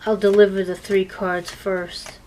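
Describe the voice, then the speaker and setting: A woman's voice: mid-range voice, level tone, a little slow, darkish tone, rough recording. A woman giving a tarot reading, chatting casually with many fillers while she shuffles cards. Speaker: tarot reader. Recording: clear noise of card shuffling.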